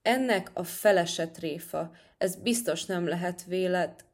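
A young tomcat from a children's storybook, easily riled and quick to take offence, as a woman puts him on. The voice is on the low side. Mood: indignant. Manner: quick to anger. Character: touchy young male tomcat.

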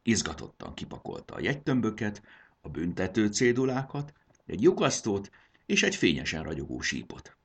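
A man narrating a children's story in an expressive storybook reading. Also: lowish voice, breathy edge.

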